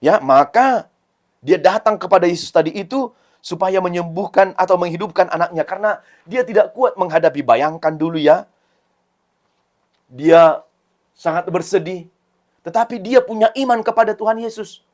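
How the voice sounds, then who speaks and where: High-voiced man preaching to children. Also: normal speed. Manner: asks children rhetorical questions; storytelling, repeats phrases for emphasis. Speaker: Sunday school preacher. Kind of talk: sermon for children.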